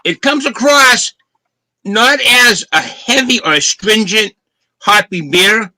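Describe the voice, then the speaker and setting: This co-host, a beer reviewer from Boston, Massachusetts, speaks slowly in an expressive, high, sharp voice with a clear Boston accent. On a casual video call, he carefully describes a beer's flavor. The recording is rough, with no room sound.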